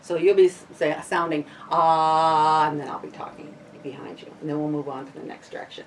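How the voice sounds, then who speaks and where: Far from the mic, with slight background noise, a woman leads a small sound-healing workshop, explaining informally with fillers and restarts before chanting vowel sounds and intoning invocations to the directions. Her low voice is quick and darkish.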